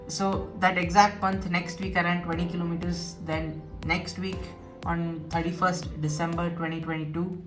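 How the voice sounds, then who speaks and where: A nineteen-year-old man with an Indian English accent, earnestly retelling his experience in a personal vlog. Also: a little high. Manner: earnest, retelling, repeats himself. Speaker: vlogger. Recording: distant mic with music behind. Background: background music.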